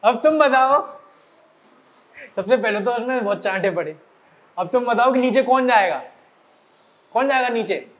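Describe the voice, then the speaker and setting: A high-pitched male teacher telling a story in a lively way, speaking straight to his students. He is from central India and uses the tale to set homework. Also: moderate pace, pauses often. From Morena, central India. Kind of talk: storytelling lesson. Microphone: recording for an online class video.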